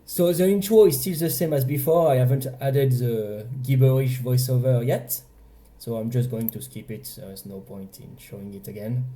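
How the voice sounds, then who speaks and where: A man's voice: mid-range voice, normal speed, dark tone. A young man with a French accent, casually walking through his game's progress, hesitant and often correcting himself. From France. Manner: hesitant, self-correcting, chatty. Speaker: indie game developer. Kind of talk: casual devlog walkthrough.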